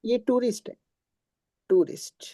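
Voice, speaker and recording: A man's voice: extremely high pitch, lively intonation, a little slow, creaky, warm tone, no echo. A male teacher giving a live math lesson, who keeps asking his students questions and answering them himself in a patient, talky way. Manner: patient, calls students "beta". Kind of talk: classroom math lecture.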